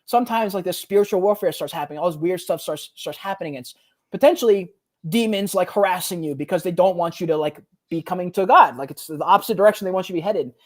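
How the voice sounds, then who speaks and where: Young guy on a podcast telling a wild story, slangy, lots of "bro", jumps up and down in pitch when he acts stuff out. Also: fast. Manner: animated, slangy, says "bro" often, acts out quotes. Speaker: podcast guest. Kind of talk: casual storytelling.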